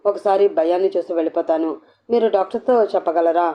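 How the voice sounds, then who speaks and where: A woman's voice: on the low side, fairly quick, lightly acted. A woman voicing a frightened, tearful young woman who pleads shakily, in a storybook reading. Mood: pleading. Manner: pleading, shaky. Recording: dull lo-fi audio.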